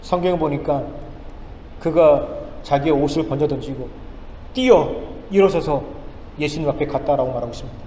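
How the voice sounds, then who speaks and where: A male pastor preaching a sermon, firing off rhetorical questions and swinging between loud and hushed lines. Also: on the high side, normal speed, pauses often, a little hiss or hum. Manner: emphatic, rhetorical questions, dramatic swings in loudness. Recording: echoey church hall with faint ambience.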